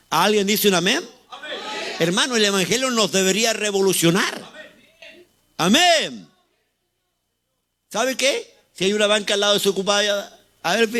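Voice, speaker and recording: A man's voice: high voice, a bit bright. A man in his sixties with a Chilean accent preaching a fervent sermon, asking the congregation rhetorical questions. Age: 60s. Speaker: pastor.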